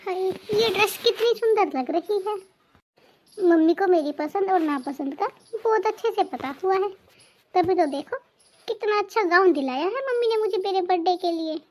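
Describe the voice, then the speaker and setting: A chirpy young married daughter from a cartoon family drama, voiced by a woman, with a very high voice. She sounds eager and keen on everything. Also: normal speed.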